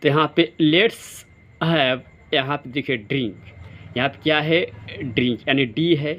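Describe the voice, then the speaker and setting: A male teacher explaining grammar quiz answers. He keeps asking questions and answering them himself, and he reads the example sentences slowly, word by word. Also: a little high. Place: classroom or study centre. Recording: dull lo-fi sound.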